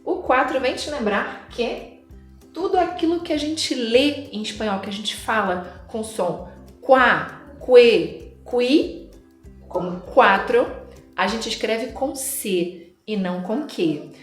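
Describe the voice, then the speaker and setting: A Carioca woman teaching a language lesson at an unhurried, careful pace, her voice sitting a little high. She draws out example words and keeps checking in with her listener. The recording sounds echoey, with faint music underneath. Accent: Carioca Brazilian Portuguese. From Rio de Janeiro, Brazil. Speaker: Spanish teacher.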